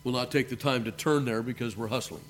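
A man, a pastor, preaching a measured sermon and reading scripture aloud. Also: medium pitch, a little hiss or hum. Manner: addresses listeners as beloved.

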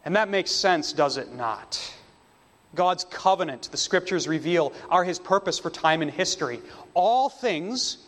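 Slow, emphatic high-voiced male preacher. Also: lively intonation, a bit bright, in a large hall. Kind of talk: sermon.

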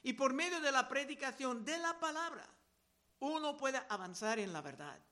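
Guy preaching verse by verse, really high bright voice, reads scripture then explains it. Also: expressive, normal speed. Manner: reads scripture aloud and explains it, repeating key words. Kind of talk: verse-by-verse Bible teaching.

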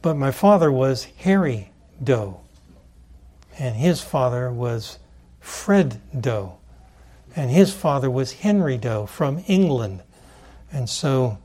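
A man delivers a sermon as pastor, speaking slowly and deliberately. His voice is warm and mellow rather than bright, and he stresses the words that matter. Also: medium pitch.

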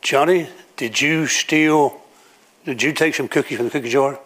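A man voicing a gentle mother fussing over her child, in a soothing, coaxing way. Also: mid-range voice, normal speed, close to an everyday voice. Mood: questioning.

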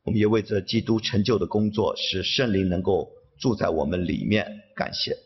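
A man interpreting a sermon phrase by phrase, somewhat halting. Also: low-pitched, husky, dull audio.

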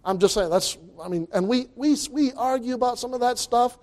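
A man preaching a sermon as pastor into a pulpit microphone, emphatic and repeating his words as he builds to loud exclamations. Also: extremely high pitch, fairly quick.

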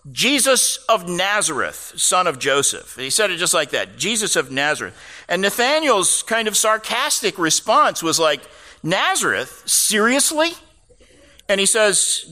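A man's voice: high voice, pushed and bright. A man preaching a sermon, explaining scripture passages with casual asides to the congregation. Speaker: pastor. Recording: long reverb of a large hall.

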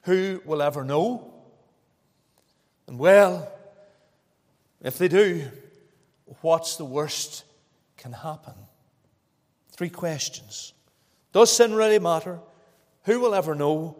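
A man's voice: on the high side, slow, pauses often, darkish tone. A man with a Northern Irish accent preaching an evangelical sermon in a dramatic manner, full of rhetorical questions and repetition. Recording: echoey hall with long reverb.

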